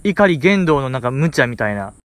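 Here's a Kansai-accented podcast host with a medium-pitched voice, talking fairly quickly. He narrates a story in an easygoing monologue, animated and comically exasperated, leaning heavily on fillers.

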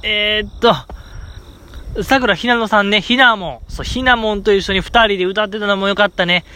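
Brief: high-pitched male podcast host with a Kansai accent, chatty, excitable fan rambling. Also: moderate pace, smooth. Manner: rambling, enthusiastic fan chatter with frequent fillers. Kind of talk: casual solo podcast talk.

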